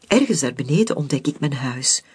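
A storyteller reading a children's story aloud, expressive, with soft whispered passages. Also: medium pitch, fairly quick, slightly rough.

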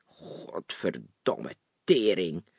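A man's voice: mid-range voice, sing-song, normal speed, dry recording, lightly acted. A man voicing a weary, protective teenage girl who answers curtly in a dry recording. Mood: cursing. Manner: curt, clipped replies.

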